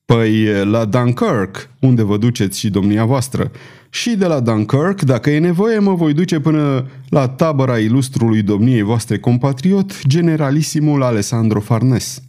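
A man voicing a calm, ironic male knight in an audiobook. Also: medium pitch, close to an everyday voice. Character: cool, witty male swordsman knight. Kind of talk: audiobook character voice.

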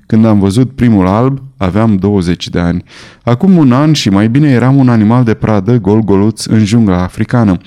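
Man doing a sorry jungle-raised guy, earnest, low mellow voice. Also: lightly acted. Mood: remorseful.

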